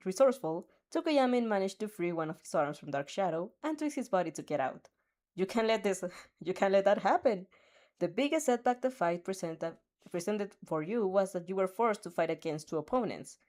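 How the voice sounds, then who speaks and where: Reading fanfiction written in the second person, this woman has a mid-range, slightly mellow voice. Her delivery is full of slips and restarts, punctuated by giggles.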